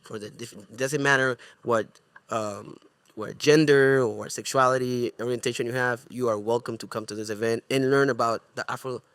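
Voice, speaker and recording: A man's voice: medium pitch, fairly even intonation, moderate pace, fairly bright tone, smooth, no echo, clean studio sound. A middle-aged man from Ecuador with a Spanish accent, a guest in a casual interview, speaking earnestly and searching for his words. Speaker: guest, music producer and artist.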